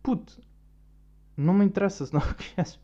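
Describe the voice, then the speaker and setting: A man's voice: sits high, brisk, mellow. A young man with a European Portuguese accent, hosting a podcast in a rambling, slang-heavy casual monologue. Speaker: podcast host. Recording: dull lo-fi recording.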